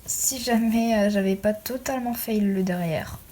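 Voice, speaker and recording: A young woman with a warm, mid-range voice speaks at a normal speed. She's a hobbyist crafter doing a casual, chatty show-and-tell of her handmade doll accessories, poking fun at herself as she goes. The home recording is noisy and has clicks.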